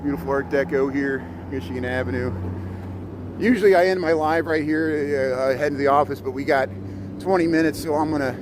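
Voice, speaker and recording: Walking snowy city streets on a live stream, a middle-aged man from Indiana chats casually with his viewers and tends to repeat words. His voice sits on the high side with fairly even intonation and a fairly quick pace; his accent blends Chicago and Midwestern, and traffic and city noise are audible.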